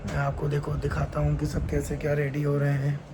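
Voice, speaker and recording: A man's voice: on the high side, monotone, brisk. Chatty young man vlogging from home. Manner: chatty, repeats words in pairs. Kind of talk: casual vlog chat. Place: family home on a rainy day. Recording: phone recording with loud background noise.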